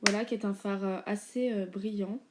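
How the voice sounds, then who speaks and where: A woman's voice: medium pitch, fairly even intonation, moderate pace, background noise. A young woman chatting casually through a makeup tutorial, with many fillers and informal slang. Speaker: beauty vlogger.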